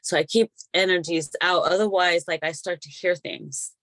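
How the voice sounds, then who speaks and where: A woman with a somewhat low voice talks casually and animatedly, often laughing. She is recorded close up with a dry sound and no room around her. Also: steady tone, normal speed, a bit bright, no echo. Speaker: hypnotic regression practitioner. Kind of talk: casual spiritual chat.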